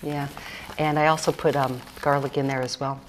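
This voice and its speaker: Low-voiced woman, easygoing cookbook author demoing dishes, rambly and joking; slight background hiss. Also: level tone, normal speed. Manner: chatty, rambling, with fillers and jokes. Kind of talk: casual cooking demonstration chat.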